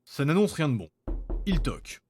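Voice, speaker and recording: A man's voice: fairly high pitch, sing-song, moderate pace, a little mellow, a little hiss or hum. A man reading scripted narration for a fantasy audio story.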